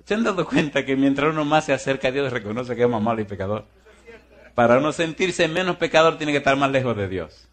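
A man's voice: animated, fast talker. A man preaching a sermon as pastor, firing rhetorical questions at the congregation in a folksy, teasing way. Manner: swings between booming and hushed.

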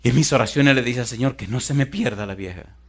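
A man's voice: medium pitch, quick pace, slightly rough. A man preaching a sermon, telling a story dramatically and pressing his listeners with fervent, emphatic questions.

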